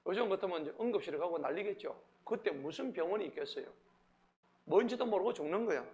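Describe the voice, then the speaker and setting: In a church sanctuary, a male pastor with a high-pitched voice preaches a Wednesday sermon at a quick pace. He's animated, quizzing the congregation and acting out the Bible figures, and the sound is lo-fi.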